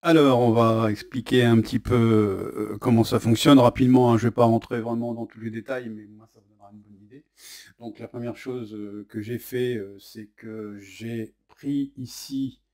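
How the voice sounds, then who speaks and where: French-accented man, casual board game demo host, chatty, halting delivery with lots of fillers, mid-pitched. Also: steady tone, darkish tone. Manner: chatty, says "hop" as he flips cards; hesitant, many fillers. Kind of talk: casual unboxing and rules demo.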